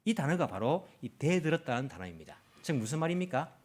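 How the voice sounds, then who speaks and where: A male pastor delivers a Sunday sermon in a church. His voice sits a little higher than most men's and swings widely in pitch. He keeps asking his listeners questions and acts out the lines he quotes. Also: sing-song, quick pace, a little mellow. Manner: asks the congregation frequent questions. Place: church in Tokyo.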